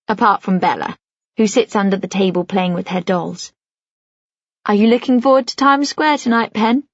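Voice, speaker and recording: A woman reads a first-person novel in a measured, reflective voice. There is vocal fry in her tone and the sound is dry and a little dull. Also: mid-range voice, dry recording. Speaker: audiobook narrator. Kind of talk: first-person audiobook narration.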